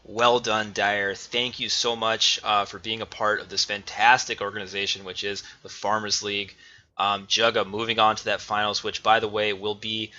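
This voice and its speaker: A man casting a live esports match, excitable and getting loud on big plays. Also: on the low side, normal speed, lo-fi sound. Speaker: esports caster. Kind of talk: live play-by-play commentary.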